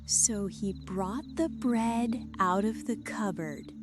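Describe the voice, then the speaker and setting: A woman's voice: mid-range voice, slow. A woman reading a bedtime fairy tale as a storyteller. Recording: music behind the voice. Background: music.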